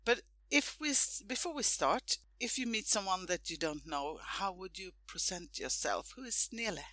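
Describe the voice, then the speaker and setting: Lively, bright-voiced woman hosting a podcast. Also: mid-range voice, moderate pace, no echo. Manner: lively, enthusiastic questioning. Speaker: podcast host. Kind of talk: casual interview. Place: home in Sweden.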